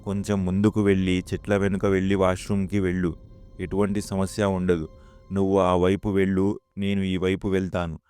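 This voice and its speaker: A calm, reasoning young husband on a night bus, read by a man in his own voice. The delivery is deep, smooth and level, with faint music under it, as in a spoken horror story. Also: normal speed, natural voice. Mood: reassuring.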